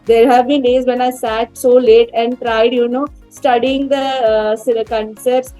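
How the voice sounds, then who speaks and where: A woman in her thirties with an Indian English accent speaks earnestly as a guest in a casual interview. Her high, warm voice has a flat delivery, and she often pauses with fillers and restarts sentences. Faint music plays underneath.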